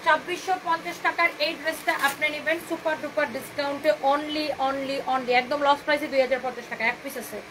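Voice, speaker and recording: A woman hosts a live clothing sale in a high, rapid voice. She pushes each item with a chatty, repetitive pitch and mixes English phrases into her talk. A faint hum of the room sits under her voice. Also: steady tone. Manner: bantering with viewers' comments. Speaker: boutique owner hosting a live sale. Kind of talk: live-stream sales pitch.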